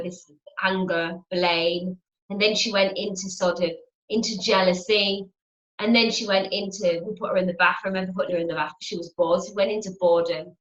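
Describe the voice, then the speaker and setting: A woman's voice: medium pitch, fairly bright tone. Chatty woman teaching in a roomy space. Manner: chatty, repeats phrases, acts out inner voices. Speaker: spiritual teacher. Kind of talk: motivational teaching talk to camera. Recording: roomy, dull lo-fi home video.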